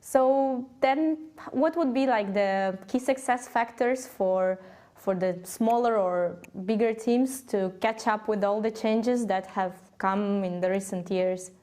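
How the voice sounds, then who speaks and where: A woman's voice: medium pitch, slow, darkish tone. A woman working as an interviewer, putting questions in a tentative, searching way.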